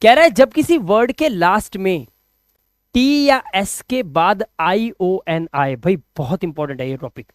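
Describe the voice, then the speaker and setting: Man, young, playful teacher, smooth voice, dry room. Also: sits high, lively intonation, unhurried, no room sound. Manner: playful, repeats words, scolds viewers to like. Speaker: English teacher. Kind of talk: lively spelling lesson, live stream.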